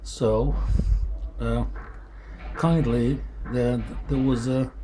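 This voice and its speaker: In a workshop, a native Arabic speaker talks casually in English about a tool for a product review vlog, using lots of fillers and restarts. His medium-pitched voice is steady, and he draws out his words. Background noise is present.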